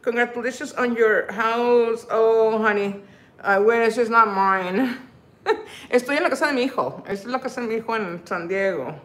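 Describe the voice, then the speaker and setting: A woman's voice: fairly high pitch, normal speed. A middle-aged woman, hosting her cooking channel's livestream in a casual, chatty way, laughing often and slipping into English phrases.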